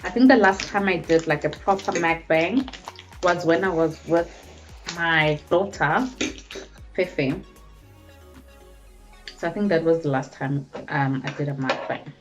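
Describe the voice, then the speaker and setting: A woman's voice: low voice, measured pace, long pauses, soft background music. A South African woman chatting casually to camera at home at night during a mukbang, calling her viewers pet names. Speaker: YouTuber.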